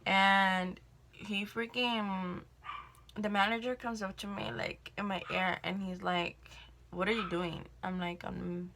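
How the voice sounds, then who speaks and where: A young woman with a bright, forward voice rambles through a casual storytime vlog. Her talk is loose and full of fillers, with frequent swearing. She is recorded indoors on a simple camera mic. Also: medium pitch, steady tone, takes it slowly, a little hiss or hum. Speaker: vlogger telling a work story. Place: indoors at home, doing makeup.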